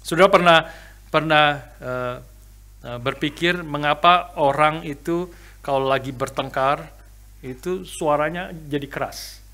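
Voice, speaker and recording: A man preaching a sermon in a church, emphatic, with frequent fillers and sudden rises in loudness. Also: on the high side, unhurried. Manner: emphatic preaching with many fillers and rising shouts. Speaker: pastor. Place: church sanctuary.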